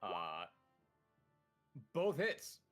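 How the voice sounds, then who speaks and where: Male dungeon master, animated, expressive pitch, casual swearing. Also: drawn-out words, faint music behind. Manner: animated, swears freely, narrates combat. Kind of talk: running a tabletop game, casual.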